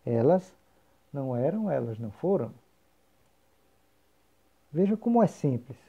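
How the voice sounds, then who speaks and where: A man's voice: medium pitch, very animated, measured pace, creaky, breathy edge. A man teaching English grammar, explaining patiently and repeating example phrases. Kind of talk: recorded grammar lesson. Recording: dull lo-fi recording.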